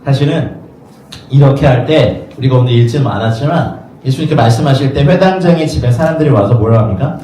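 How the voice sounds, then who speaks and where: Korean pastor preaching in an echoey room. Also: male voice, medium pitch, a little fast, warm tone. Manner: conversational, acts out quoted voices. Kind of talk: sermon. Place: rented studio space used for worship. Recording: echoey room, mic at a distance, faint noise.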